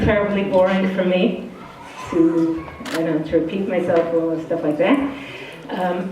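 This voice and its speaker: Speaking as a guest at an indoor study hall, a middle-aged Israeli woman gives students an informal talk, frank, casual and a little self-deprecating, in an accent that blends Israeli and Brooklyn. Her middle-pitched voice is a little mellow. It carries from well away from the microphone in a strongly echoing hall, with a faint hiss beneath.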